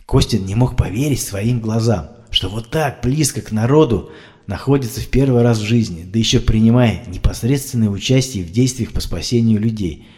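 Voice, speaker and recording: A man reading an audiobook aloud, acting out shouted rescue dialogue as he narrates. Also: lowish voice, moderate pace. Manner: acts out shouted rescue dialogue, rising and loud for cries.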